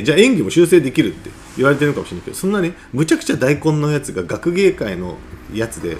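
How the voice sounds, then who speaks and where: A man giving a casual, animated talk as a play researcher, explaining ideas conversationally and often checking for agreement. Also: medium pitch, a little hiss or hum. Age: adult.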